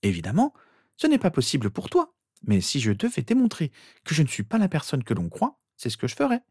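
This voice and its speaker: A man voicing a skeptical, teasing teenage girl with sharp retorts. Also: a little high, huge pitch swings, brisk, breathy edge, no room sound, studio quality, pitched above the performer's own voice, exaggerated voice. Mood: mocking. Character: mocking skeptical teenage girl, Harry's sister.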